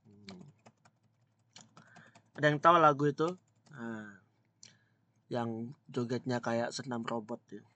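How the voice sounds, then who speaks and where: A man teaches a Mandarin grammar class online, modelling example sentences in a slow, drawn-out way and chatting with his students despite an itchy throat. His mid-range voice is steady in tone, pushed and bright.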